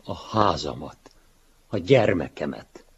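A man voicing a calm, gentle master who speaks softly and mildly, in a dull lo-fi recording. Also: low-pitched, husky, full character voice. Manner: soft-spoken and gentle. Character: gentle, calm male teacher figure, a mild master.

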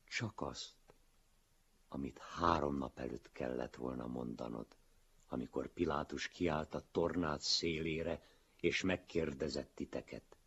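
A man voicing a hushed, gentle teacher. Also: extremely low pitch, fairly even intonation, heavily acted. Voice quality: very husky. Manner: soft, hushed, sometimes near whisper. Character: gentle, calm male teacher figure speaking softly. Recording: dull lo-fi recording.

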